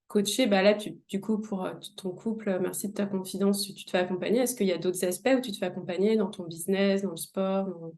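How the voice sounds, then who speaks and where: A woman's voice: medium pitch, steady tone, fast, hardly any pauses, dark tone, a little hiss or hum. A young woman hosting an interview, asking questions in a hesitant, casual way with many fillers. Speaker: interview host.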